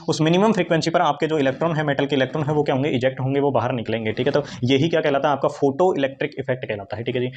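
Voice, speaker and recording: A man's voice: fairly high pitch, slight background noise. A man teaching a chemistry lesson, asking his class questions and answering them himself. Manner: repetitive call-and-response questioning; fast, chatty explaining with Hindi-English mix. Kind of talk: online classroom lecture.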